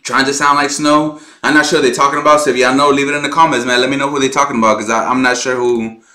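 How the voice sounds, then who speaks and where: A man hosting a music reaction video, talking casually and excitedly, swearing freely and laughing often. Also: mid-range voice, fast talker, roomy sound.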